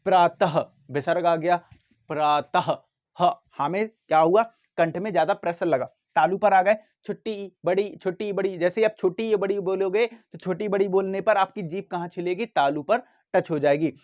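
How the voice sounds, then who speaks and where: A male teacher giving a lesson, who asks his students questions and answers them himself, repeating words and sounds slowly to demonstrate them. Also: sits high. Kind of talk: classroom lesson.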